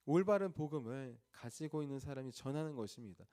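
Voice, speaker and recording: A man's voice: mid-range voice, animated, quick pace, mellow. A male pastor preaching an early morning sermon in a church, asking the congregation questions and then answering them himself.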